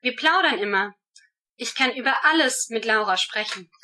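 This is a student taking a speaking exam, delivering her prepared answers at a measured, steady pace. She sounds bright and clear, with a slightly high pitch.

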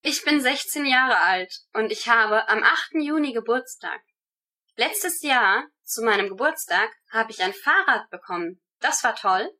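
A woman giving rehearsed answers to German speaking-exam questions in a steady, measured way. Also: fairly high pitch.

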